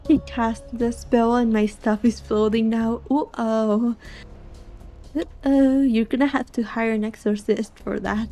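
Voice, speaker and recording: A soft-spoken young woman streaming a game, chatting casually and reading the story aloud. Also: fairly high pitch, steady tone, measured pace, soft background music.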